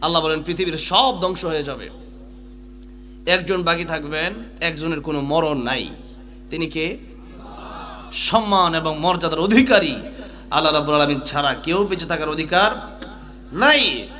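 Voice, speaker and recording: A man's voice: on the high side, moderate pace, long pauses. A young man preaching a sermon, chanting and singing refrains and urging the crowd to call out along with him. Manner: sings melodic refrains, urges the crowd to shout along. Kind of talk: Bengali waz sermon, chanted and sung.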